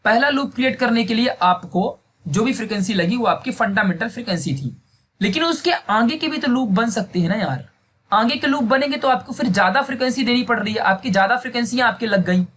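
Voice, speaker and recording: A man's voice: very high-pitched, expressive, brisk, fairly bright tone. A young man teaching a physics lesson, talking in a chatty way and often checking that students follow. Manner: chatty, repeats checks like "samajh gaya?". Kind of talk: Hindi classroom video lesson. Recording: faint background noise.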